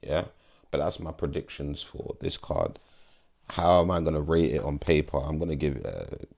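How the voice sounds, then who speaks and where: A man's voice: rumbling low, moderate pace, gravelly, darkish tone. A young man giving casual, slangy fight predictions in an emphatic, pleading way. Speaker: MMA vlogger.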